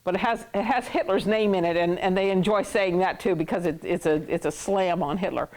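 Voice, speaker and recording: A woman's voice: lowish voice, brisk, a little mellow. Playful woman teaching a class. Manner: playful, laughs often, jokes with students; repeats words for drilling. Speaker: Hebrew teacher. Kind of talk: classroom lesson.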